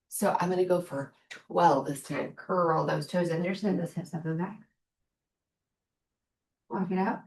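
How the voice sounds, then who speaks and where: Woman fitness coach at home, slow and easy delivery, roomy sound from a distant mic. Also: medium pitch, a little mellow. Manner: upbeat counting and cheering reps. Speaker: fitness instructor. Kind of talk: live workout coaching. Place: room at home. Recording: echoey room from far off.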